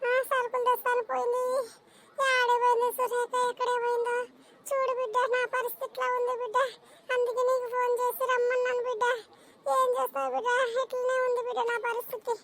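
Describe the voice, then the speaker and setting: A woman's voice: extremely high pitch, completely flat delivery, fast talker, fairly bright tone, a little hiss or hum. A woman voicing a whiny, self-pitying old village mother-in-law in a cartoon, who wails her complaints through sobs. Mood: weepy. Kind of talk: cartoon voice acting.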